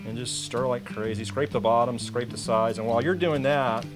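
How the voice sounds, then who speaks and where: A man's voice: mid-range voice, fairly even intonation, normal speed. A man casually walking a guest through his craft in a workshop, playful and chatty. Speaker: craftsman and pilot. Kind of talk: casual on-location demonstration. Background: background music.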